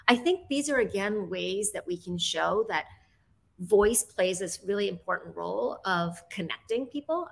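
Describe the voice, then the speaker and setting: A woman with a lowish, gravelly voice talking as a podcast guest. She speaks earnestly, in long, loosely joined sentences. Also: fairly bright tone. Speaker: podcast guest, voice tech executive. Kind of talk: casual panel discussion.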